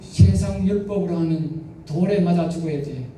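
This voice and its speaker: A male pastor with a Gyeongsang accent preaching a sermon with emphatic, rising exclamations and rhetorical questions. His voice sits high but has a mellow tone. It rings through a very echoey church hall, picked up from some distance. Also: normal speed, slight background noise. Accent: Gyeongsang Korean. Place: church sanctuary.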